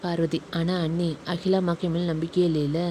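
A woman's voice: on the low side, little pitch movement, quick pace, mellow, a little hiss or hum, lightly acted. A woman doing a hurt, tearful young wife.

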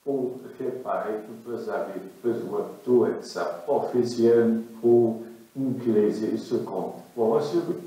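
A man speaks through an AI voice changer. The result is slow and very muffled, set back from the mic in a deep echo. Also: steady tone, warm tone. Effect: AI voice changer processing. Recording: muffled, very echoey, distant playback.

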